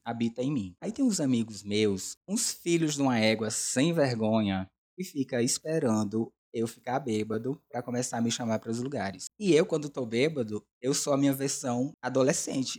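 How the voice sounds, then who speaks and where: A man's voice: medium pitch, darkish tone. A Brazilian man in his twenties chatting casually as a podcast host, with a campy, self-mocking, slangy manner. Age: 20s. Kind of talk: casual confessional chat.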